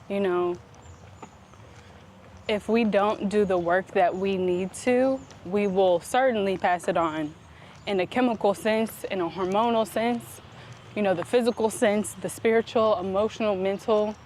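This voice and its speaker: A woman vlog host walks up a paved hill outdoors, talking reflectively and conversationally in a slightly mellow mid-range voice. Her phrasing is deliberate and halting, with emphatic pauses, and traffic makes the recording noisy.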